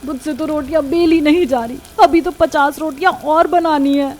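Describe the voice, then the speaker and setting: A woman's voice: high voice, steady tone, moderate pace, close to an everyday voice. A woman voicing a grumbling overworked young wife. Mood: complaining. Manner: complaining, exasperated. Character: overworked young daughter-in-law, resentful and grumbling. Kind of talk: Hindi cartoon voice acting.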